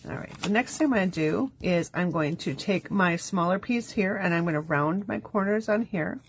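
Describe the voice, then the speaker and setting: A woman's voice: lowish voice, normal speed, slight background noise. A woman hosting a live crafting demo, talking chattily step by step while losing her voice. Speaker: craft show host. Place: home craft studio.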